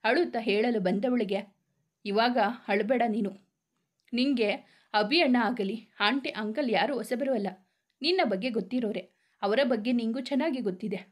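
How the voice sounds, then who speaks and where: A woman reads a serialized romance story aloud, voicing each character's dialogue herself with small shifts of tone. Her voice sits a little high. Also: moderate pace.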